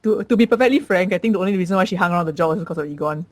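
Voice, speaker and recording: A man talks fast in a high voice, recorded close and dry. He chats casually about films with wry quips. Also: no room sound. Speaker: podcast co-host. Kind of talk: casual movie review chat.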